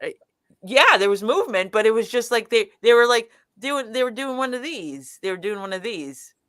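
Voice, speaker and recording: A woman's voice: on the high side, moderate pace, clean tone. Lady guest rambling thru a story, lots of restarts, acts out voices. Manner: animated, acts out quotes, many restarts. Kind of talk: casual storytelling chat.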